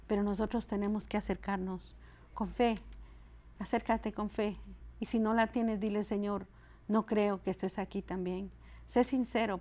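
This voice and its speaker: Soft-spoken woman preacher. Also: medium pitch. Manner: gentle, soft-spoken and inviting. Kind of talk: sermon.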